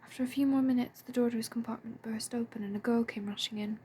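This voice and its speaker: A woman reading a story aloud in a soft, breathy and hushed way. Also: a little high, steady tone, fast, slight background noise. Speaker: fan audiobook reader. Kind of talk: storybook narration.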